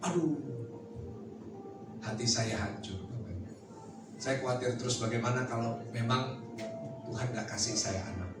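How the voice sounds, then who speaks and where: A man in his thirties, a pastor giving a lively testimony sermon and talking straight to the congregation with jokes. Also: mid-range voice, normal speed. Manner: lively storytelling, addresses the listeners directly, jokes. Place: large church hall. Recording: very echoey hall, mic far off, music behind.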